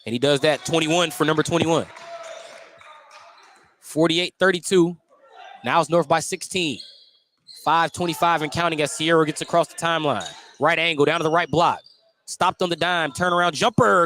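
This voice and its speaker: This play-by-play announcer, a man with a higher pitch and a slightly bright voice, does live basketball commentary on radio at normal speed. He gives a clipped, descriptive call of every play over a noisy live sports broadcast.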